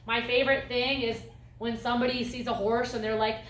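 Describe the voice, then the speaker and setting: A woman instructor giving a calm, explanatory lecture on horses, acting out voice tones as she goes. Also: fairly high pitch, a little fast, heavy background noise. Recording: echoey room, mic at a distance.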